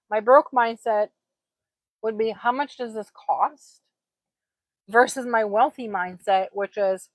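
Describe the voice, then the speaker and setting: A woman's voice: medium pitch, dry recording. A woman in her forties from Poland, hosting a livestream and talking earnestly and casually straight to her viewers. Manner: chatty, earnest, addresses viewers directly. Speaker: livestream host. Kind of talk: casual motivational livestream talk. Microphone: own microphone.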